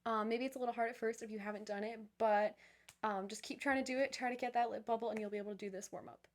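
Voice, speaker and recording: A young woman who leads viewers through vocal warm-ups, encouraging and upbeat, with many fillers and restarts. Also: on the high side, steady tone, quick pace. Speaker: voice teacher. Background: piano.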